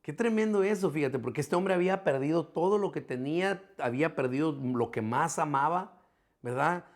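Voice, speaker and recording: A man's voice: a little high, normal speed. A man preaching a sermon as pastor, explaining each point patiently and repeating key figures for emphasis. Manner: explanatory, constantly checking in with listeners. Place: church streaming an online service.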